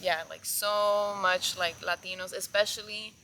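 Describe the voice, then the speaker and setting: Unhurried and fairly even in intonation, this medium-pitched voice belongs to a young South Florida woman, a naturalist guest spinning casual stories. She's chatty and filler-heavy, saying "like" constantly, with a sharp tone. It's a rough recording with slight background noise.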